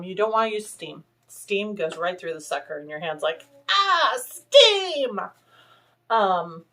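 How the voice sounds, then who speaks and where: A woman chats casually to her camera from a home sewing room, drifting from one project to the next as she holds things up to show. Her voice sits at an ordinary middle pitch. A little music plays faintly behind her. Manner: chatty, rambling, showing items to camera. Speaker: vlog host. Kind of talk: casual chat.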